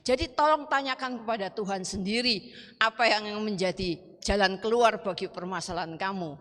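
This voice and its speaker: A woman's voice: mid-range voice, normal speed, a bit bright. A woman preacher telling a personal testimony in a sermon, acting out her conversations with her child. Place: church hall. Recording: long hall reverb.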